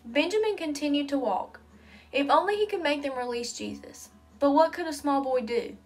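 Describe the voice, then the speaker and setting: A woman with a fairly high voice reads a children's story aloud. Her delivery is earnest and steady. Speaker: reader.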